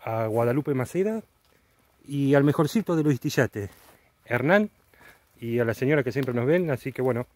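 A man's voice: medium pitch, animated, moderate pace, long pauses, a little mellow, dry recording. A middle-aged man with an Argentine accent talks in a casual vlog style. He is recorded outdoors in woodland at night, hosting an exploration.

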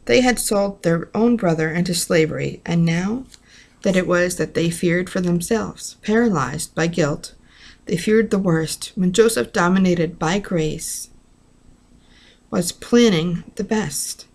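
A woman's voice: lowish voice, a little slow, darkish tone. A young adult American woman from the northern states, reading aloud and chatting informally in a candid, self-deprecating way, recorded on a webcam in a small room at home. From northern United States. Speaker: vlogger reading a devotional book aloud. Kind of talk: informal read-aloud with rambling casual asides. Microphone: webcam or laptop at arm's length.

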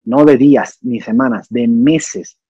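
A man's voice: medium pitch, unhurried, warm tone, husky, no echo, dull audio. A young man, an actor and singer, talking through ideas in a casual interview, thoughtful and full of restarts. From Cuba. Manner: thoughtful, explanatory, many restarts and fillers.

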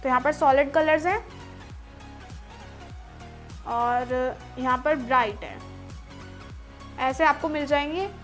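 Young woman w/ a super high voice doing a phone tutorial, chatty and friendly, bit of music in the back. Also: takes it slowly, pauses often, fairly bright tone. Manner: friendly, addresses viewers as friends. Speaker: tech video host.

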